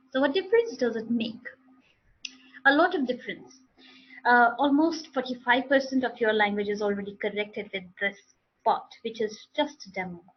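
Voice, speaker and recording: Woman teacher with an Indian English accent, unhurried and drilling words, fairly high, dull lo-fi sound. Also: breathy edge. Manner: slow, deliberate, repeating model words and sentences. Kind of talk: demo lesson on pronunciation.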